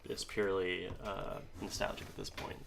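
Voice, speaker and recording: Brief: lower-voiced male co-host, thoughtful and unhurried. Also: flat delivery, creaky, a bit bright, slight background noise. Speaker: podcast co-host. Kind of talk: casual fan chat.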